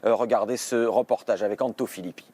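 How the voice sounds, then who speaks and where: A man's voice: on the low side, steady tone, fast talker, mellow, slightly rough. A male correspondent in live news chat, explaining step by step in a conversational way. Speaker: foreign correspondent.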